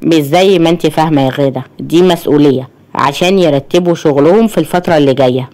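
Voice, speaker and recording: A woman voicing a worried, pious grown husband with an Egyptian accent, speaking low and measured. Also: darkish tone, close to an everyday voice. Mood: reassuring. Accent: Egyptian Arabic.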